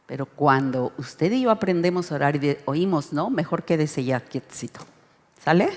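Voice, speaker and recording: A woman with a Mexican accent leading an interactive Bible study lesson, expressive and urging the group to read along. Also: deep voice, moderate pace. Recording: reverberant hall sound.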